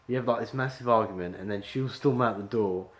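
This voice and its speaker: Rambling low-voiced man directing an actor. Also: a little fast, fairly bright tone. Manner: rambling, heavy on fillers like "like". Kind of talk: coaching an actor at an audition. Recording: echoey room with faint ambience.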